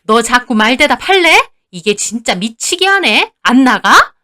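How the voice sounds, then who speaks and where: Woman doing a shrill scolding older woman. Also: very animated, a little slow, pushed and bright, exaggerated voice. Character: spiteful older woman, a scolding mother-in-law.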